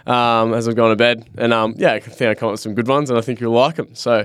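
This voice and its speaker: Man, broad Australian accent, young adult, clean smooth voice, dry close sound, casual slangy co-host. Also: mid-range voice, level tone, fast, fairly bright tone, dry recording. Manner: laid-back, matey, slangy. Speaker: podcast co-host. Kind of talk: casual podcast chat.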